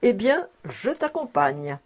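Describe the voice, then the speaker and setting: A woman voicing a comfortable, easygoing bachelor man who speaks in a calm, reassuring way in an audiobook. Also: on the high side, slow, full character voice. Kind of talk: audiobook character reading.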